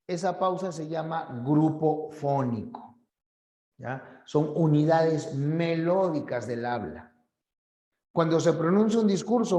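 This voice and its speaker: A man's voice: on the high side, mellow, roomy sound. A male teacher, giving a conversational class for an admission exam and often checking that students agree. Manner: conversational, asks students for agreement, acts out examples.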